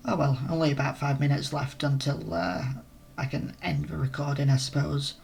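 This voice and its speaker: A hoarse man who is losing his voice, narrating a role-play adventure in the first person and breaking off for casual asides. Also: medium pitch, moderate pace, slight background noise.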